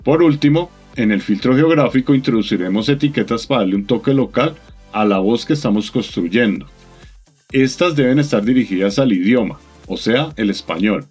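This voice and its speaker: A man narrating a software tutorial in a calm, methodical, instructive voice-over. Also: mid-range voice, breathy edge.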